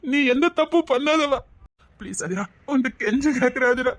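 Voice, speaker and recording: A woman's voice: sits high, fairly quick, a bit bright, no room sound. A woman voicing a young woman who begs her friend to live, speaking with a Tirunelveli Tamil accent in a tearful, pleading way. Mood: begging.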